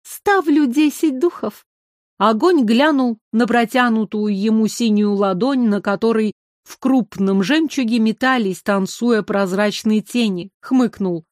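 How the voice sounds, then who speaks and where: Woman narrator, expressive audiobook reading, higher voice, dry close sound. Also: a little slow, no room sound. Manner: expressive storytelling.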